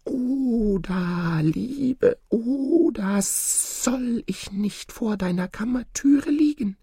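A man reading a fairy tale, voicing an enchanted snake that pleads in a slow, drawn-out, high voice. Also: expressive, creaky, mellow, slightly rough, no room sound, clean studio sound, full character voice. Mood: pleading. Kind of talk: storybook reading.

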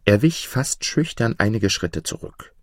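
A man narrating a fairy tale in an expressive storybook style. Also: on the low side, unhurried, dry recording, studio quality.

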